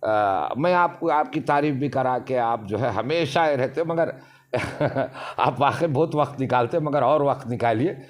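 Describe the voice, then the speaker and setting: A man's voice: medium pitch, a little slow. Emphatic man lecturing. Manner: lecturing, emphatic, long winding explanations. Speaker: interview guest, party leader. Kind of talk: casual interview talk.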